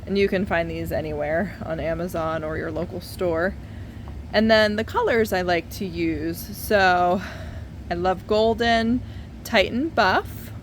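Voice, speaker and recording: Unhurried woman, sounding far from the mic. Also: fairly low pitch. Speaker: painter giving an art tutorial. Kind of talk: casual hands-on tutorial talk. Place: basement studio, indoors. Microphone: no external microphone, camera at a distance. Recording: far from mic, noisy basement room.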